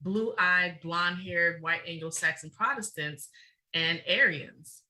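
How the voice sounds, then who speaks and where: Emphatic bright-voiced woman. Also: lowish voice, low-quality recording. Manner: passionate, emphatic, fast-flowing. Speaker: guest, researcher. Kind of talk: podcast interview.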